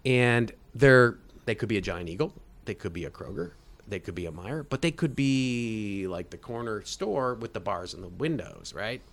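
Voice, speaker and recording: A man's voice: lowish voice, expressive, normal speed, creaky, fairly bright tone. Man in his fifties explaining at length. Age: 50s. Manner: rambling explanations with many restarts. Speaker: guest, state agency head. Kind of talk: casual interview chat.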